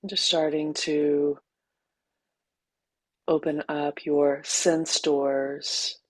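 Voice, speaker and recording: Leading a guided meditation, a woman teacher speaks in a low-pitched, flat way, unhurried and gentle. Long pauses fall between her short phrases, and there's no echo.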